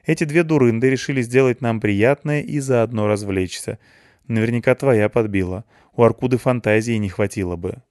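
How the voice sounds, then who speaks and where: Here a man reading an audiobook plays a tired young female gamer whose mood is teasing and grumpy and whose tongue is sharp and mocking. Her voice sits clearly higher than his usual one yet sounds natural. The audio is close and dry.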